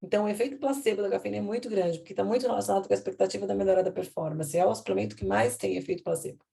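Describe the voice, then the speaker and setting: Quick-speaking Brazilian woman co-presenter. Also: medium pitch, vocal fry, warm tone. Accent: Brazilian Portuguese. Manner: supportive interjections, explains research. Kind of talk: conversational teaching.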